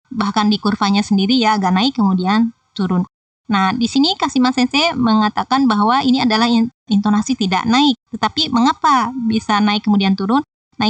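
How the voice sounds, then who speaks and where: A woman's voice: on the high side, no room sound, far from the mic. A woman teaching Japanese in a patient, explanatory tutorial voice-over that talks straight to viewers. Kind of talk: screen-recorded tutorial explanation.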